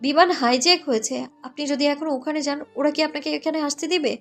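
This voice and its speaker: A woman voicing a sharp, scolding young passenger. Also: high voice, steady tone, fast, soft background music.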